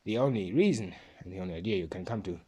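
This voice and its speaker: A woman's voice: extremely low pitch, expressive, fast talker, background noise. A woman giving a drunk, rambling philosophical monologue, emphatic and repeating herself.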